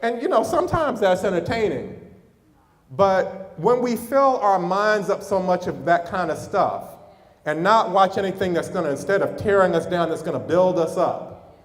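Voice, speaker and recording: A middle-aged pastor preaches in a storytelling way, his voice a little higher than most men's. He talks straight to the congregation, and the sound rings out in a big hall with a long reverb. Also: lively intonation, normal speed. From United States. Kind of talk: sermon.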